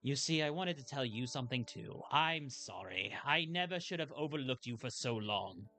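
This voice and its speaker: A man's voice: medium pitch, animated, moderate pace, bright, forceful tone. A man reading out a proud old grandmother. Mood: tender. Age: older. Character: older woman, proud café owner and grandmother. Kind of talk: reading game dialogue aloud.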